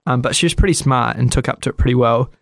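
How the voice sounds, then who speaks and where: A man's voice: mid-range voice, fast talker, gravelly, no echo, studio quality. A man casually retelling history on a podcast, chatty and a bit sarcastic, acting out the people he talks about. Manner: chatty, sarcastic, acts out quotes.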